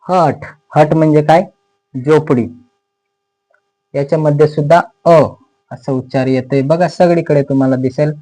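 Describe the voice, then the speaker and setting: A man with a Marathi accent teaching English pronunciation in a slow explanatory lesson, repeating each word and its meaning patiently. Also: fairly high pitch, steady tone, mellow, low-quality recording.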